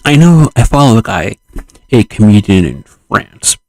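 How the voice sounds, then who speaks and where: A man streaming, chatting casually and explaining things in an unhurried way. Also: lowish voice, big pitch swings, darkish tone, no room sound, rough recording. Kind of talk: casual chat.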